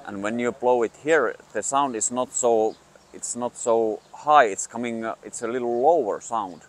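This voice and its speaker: A man who is not a native English speaker gives an informal outdoor lesson as a hunting instructor, explaining in a halting, hesitant way. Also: medium pitch, noisy background. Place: outdoors in the countryside.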